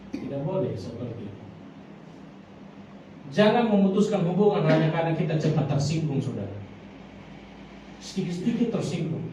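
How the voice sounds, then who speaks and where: High-voiced preacher in a booming hall. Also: male voice, dark tone, dull audio. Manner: emphatic, repeatedly addresses the congregation as brothers and sisters. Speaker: pastor. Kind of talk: sermon. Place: large church hall. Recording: very echoey hall, mic far off, faint noise.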